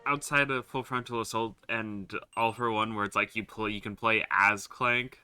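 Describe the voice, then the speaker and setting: A man's voice: fairly low pitch, fairly even intonation, normal speed, pushed and bright. A man talking in a casual, offhand way as he streams a video game. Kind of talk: casual chat while gaming. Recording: clear game music behind voice.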